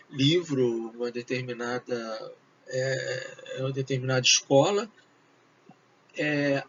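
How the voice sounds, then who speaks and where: A male teacher gives a recorded lesson, drawing his words out slowly with frequent fillers and restarts. His voice sits slightly high. The recording is dull and lo-fi, with a faint hiss behind it. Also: fairly bright tone. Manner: slow, hesitant, many fillers, mixes Portuguese and English. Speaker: English teacher.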